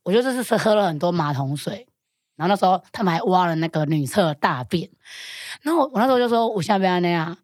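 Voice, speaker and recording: Brief: young woman, low smoky voice, quick low-pitched storytelling, dry close mic. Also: expressive, darkish tone, no room sound. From Taiwan. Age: young adult. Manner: brisk storytelling, switches into Taiwanese phrases. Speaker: county councillor guest. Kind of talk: casual interview chat.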